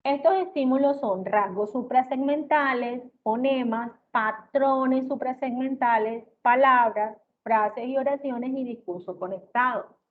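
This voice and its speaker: A woman giving an explanatory lecture on therapy methods, often checking in with her listeners and filling pauses with hesitation sounds. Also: sits high. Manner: checks in with listeners with "¿ok?" and "¿sí?", many "eh" fillers. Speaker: lecturer in auditory-verbal therapy. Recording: tinny, phone-like with faint hiss.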